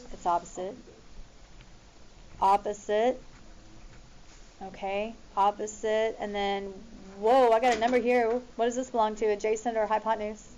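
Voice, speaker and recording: High-voiced woman teaching a class. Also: a little mellow, slight background noise, poor audio. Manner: informal, directive, checking students follow along. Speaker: math teacher. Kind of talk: teacher talking to a class, working through examples.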